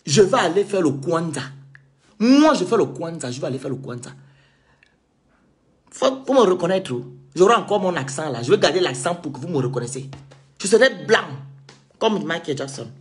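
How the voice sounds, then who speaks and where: A man's voice: on the high side, very animated, normal speed, long pauses. A man from Cameroon, delivering an indignant, sarcastic monologue rant as a vlogger.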